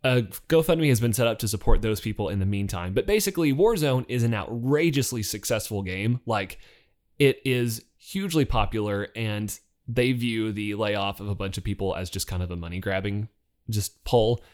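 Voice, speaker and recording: A man's voice: fairly low pitch, darkish tone. Jokey man co-hosting a casual podcast. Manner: jokey, rambling, quick asides and self-corrections. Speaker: podcast co-host. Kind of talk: casual news chat.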